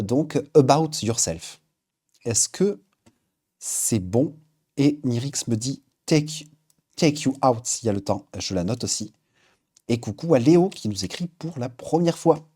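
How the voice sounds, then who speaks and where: A man hosting a live stream in a casual, chatty way, reading out viewer names and filling pauses with frequent hesitations. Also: medium pitch, dark tone. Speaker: livestream host. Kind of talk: casual livestream chat.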